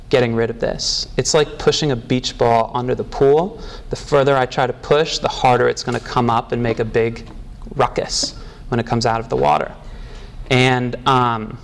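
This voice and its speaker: A man giving personal testimony at a recovery meeting, halting and reflective, moved close to tears. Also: mid-range voice. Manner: halting and reflective, with pauses and restarts.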